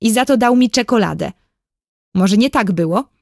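A woman's voice: mid-range voice, animated, normal speed, gravelly, darkish tone, no echo, studio quality. A woman reading a storybook, voicing a brave, defiant young boy soldier who talks back boldly. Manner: bold, insistent.

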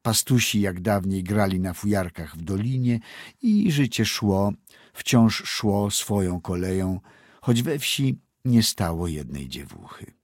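Male audiobook narrator; measured and sober, low-pitched and somewhat husky. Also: expressive, darkish tone, no echo, studio quality. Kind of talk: scripted narration of a classic story.

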